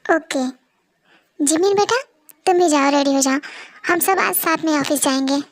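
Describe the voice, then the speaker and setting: A woman voicing a calm, reassuring middle-aged father in a dramatic fan story reading, with a measured delivery. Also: high voice, no room sound, studio quality. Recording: soft music behind.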